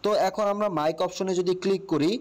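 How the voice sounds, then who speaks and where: This tutorial host is a Bangladeshi man whose voice sits slightly high and a little mellow. He talks fast and casually, explaining step by step and frequently making sure the listener is keeping up.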